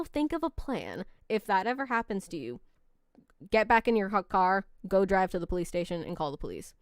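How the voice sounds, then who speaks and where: A young woman streamer rambling through a story with lively swings in her voice, swearing and laughing at herself. Her tone is smooth and clear, and the sound is dry and close. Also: a little high, no echo. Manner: animated, swearing, rambling and self-mocking. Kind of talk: casual storytelling on a livestream.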